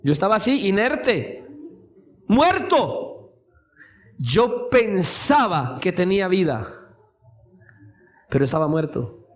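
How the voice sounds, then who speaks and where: A male preacher with a high-pitched voice delivers a sermon in a church. He speaks with fervor, and his voice climbs into shouted appeals. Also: big pitch swings, slow, long pauses. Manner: impassioned, rising to shouted pleas.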